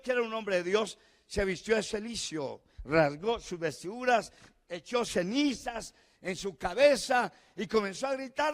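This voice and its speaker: A middle-aged Colombian pastor preaching with a high, ringing voice that rises into shouts and then drops low and hushed. His words trail off into the long echo of a large church hall. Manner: fervent preaching, swinging from shouts to hushed tones. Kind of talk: sermon.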